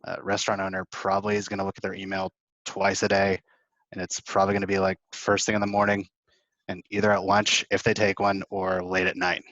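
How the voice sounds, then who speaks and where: A man's voice: sits low, completely flat delivery, a little fast, fairly bright tone, no echo, dull audio. A man talking in a brash, laid-back and profane way on a casual group call. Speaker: sales mastermind participant.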